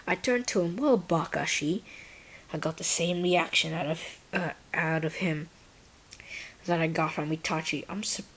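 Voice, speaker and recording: Husky-voiced woman reading a fan story. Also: on the low side. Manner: halting reading with casual asides to viewers. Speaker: story reader and channel owner. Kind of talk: reading first-person fan fiction aloud.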